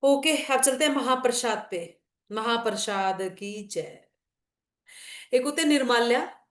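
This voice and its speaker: With a mid-range voice and a roomy sound, a middle-aged woman teaches a devotional class. Her manner is relaxed and conversational, mixing Hindi with English and explaining with stories and asides.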